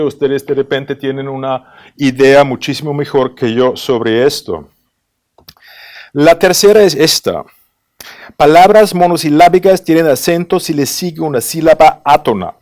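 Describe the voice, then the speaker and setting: A man presenting at an academic conference, explaining in a thoughtful, questioning way with frequent pauses and filler sounds. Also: fairly high pitch, a little mellow. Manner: analytical, questioning tone.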